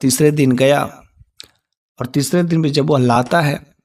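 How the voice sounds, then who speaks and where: A man narrating a devotional story, acting out the characters' voices in animated fashion. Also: a little high, a little slow, far from the mic.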